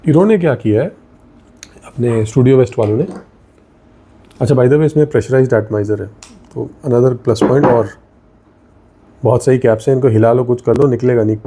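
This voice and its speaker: Man, Indian accent, very dark warm voice, casual perfume review, thinks aloud. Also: medium pitch, fairly quick, long pauses, a little hiss or hum. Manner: mixes Hindi and English, thinks aloud while sniffing. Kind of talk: casual product review vlog.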